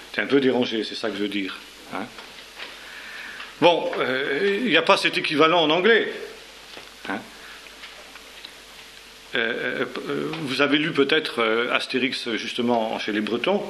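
A man's voice: mid-range voice, a bit bright. Hesitant French-speaking man lecturing, faint hiss. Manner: hesitant, many fillers and repeated words, tag questions. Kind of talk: informal spoken lecture.

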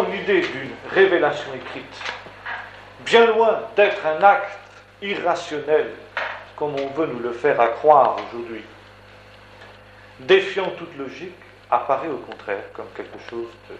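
Male preacher, emphatic and rhetorical, stacks repeated phrases; echoey room, faint hiss. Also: medium pitch. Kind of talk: sermon teaching.

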